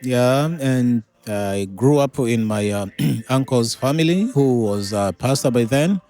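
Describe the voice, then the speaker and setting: A middle-aged pastor from Tanzania tells his life story at an unhurried pace in a mid-range male voice. He stops often to search for words, filling the gaps with soft fillers. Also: medium pitch, faint music behind. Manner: unhurried, with frequent pauses and "uh" fillers. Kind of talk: interview guest recounting his life.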